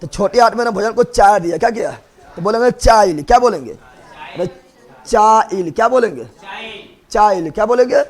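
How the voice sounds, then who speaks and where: A man's voice: sits high, animated, normal speed, pauses often. A man teaching a biology class, drilling students with repeated questions and playfully scolding them. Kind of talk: classroom lecture.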